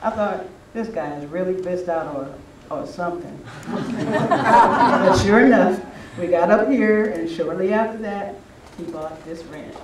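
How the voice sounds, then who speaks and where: An older man tells stories to a gathering at a spiritual retreat, reminiscing in an informal, conversational style. His high voice moves a little slowly, and a crowd is audible in the background. A distant mic captures a roomy sound with faint noise.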